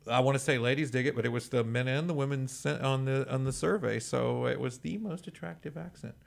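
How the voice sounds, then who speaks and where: A man with a Texan accent hosts a loose chat, rambling and chuckling as he acts out stories. His voice is gravelly and sits at a middling pitch. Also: a little fast. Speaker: radio show host. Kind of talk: casual interview chat.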